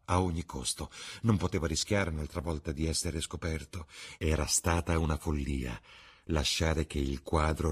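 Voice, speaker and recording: A man with a very low voice and a husky grain reads a classic novel aloud. He keeps a measured, expressive pace. It is a steady audiobook narration.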